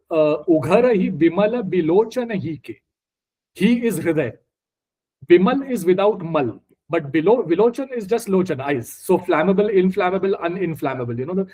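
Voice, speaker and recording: A man from India whose first language is Marathi leads an informal scripture study group, explaining the text word by word and taking questions. He speaks with an Indian accent in a high, warm voice, though the audio quality is poor.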